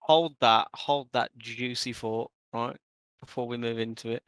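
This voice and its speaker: Brummie guy, animated panelist, forceful tone, dry mic. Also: mid-range voice, unhurried, smooth, no room sound. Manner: animated, gestures while talking. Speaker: podcast panelist. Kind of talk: casual chat.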